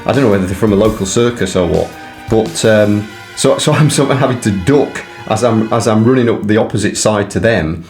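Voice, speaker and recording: A man's voice: fairly low pitch, brisk, a little mellow, faint music behind. A man talking casually and unscripted to viewers as a fitness vlogger, in a hesitant, rambling way full of fillers. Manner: hesitant, rambling delivery with frequent filler words.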